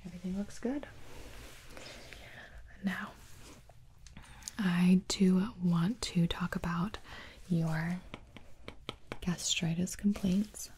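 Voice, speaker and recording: A young woman performs a whispered role-play as a gentle, attentive doctor. Her soft, breathy whisper is very slow and mellow, calm and reassuring. It is recorded close, with a faint noise underneath. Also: fairly low pitch. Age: young adult. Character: calm, attentive female doctor examining a patient. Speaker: ASMR performer playing a doctor.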